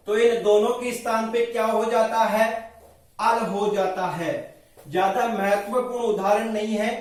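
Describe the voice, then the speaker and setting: High-voiced male teacher in an echoey room. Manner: explains step by step, asks and answers own questions. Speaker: Sanskrit grammar teacher. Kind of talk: classroom lecture at a board. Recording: very echoey room, mic far off.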